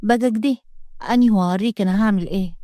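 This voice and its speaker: A woman voicing a bitter, quarrelsome ex-wife with an Egyptian accent, shouting accusations in a story reading. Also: medium pitch, quick pace, no echo, studio quality, close to an everyday voice. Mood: furious. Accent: Egyptian Arabic. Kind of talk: storytelling read-aloud.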